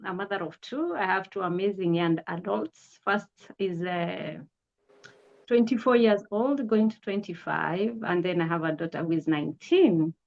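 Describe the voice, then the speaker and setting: A Kenyan woman pastor in her 40s speaks as a guest in a testimony interview, earnest and grateful, measured with frequent "uh" pauses. Her voice is low, creaky, and a little mellow, captured in dull lo-fi audio.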